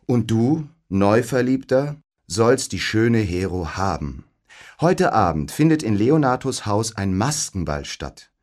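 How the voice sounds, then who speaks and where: A man's voice: lowish voice, sing-song, slow pace, a little mellow, heavily acted. A man doing a jovial noble prince. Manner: jovial, dismissive. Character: genial, confident noble prince.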